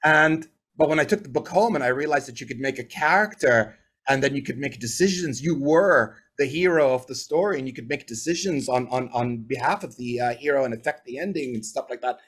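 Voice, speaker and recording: As the guest in a video-call interview, a man in his forties from Bahrain, whose native language is English, tells casual stories. His mid-range voice is husky and a bit bright, a little fast, and his chatty, winding talk keeps tagging points with "right?".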